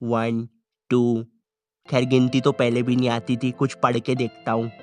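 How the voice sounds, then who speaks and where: A man's voice: mid-range voice, little pitch movement, measured pace, soft background music, lightly acted. A young man, playing silly characters in a comedy sketch. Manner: playful, switches between silly characters.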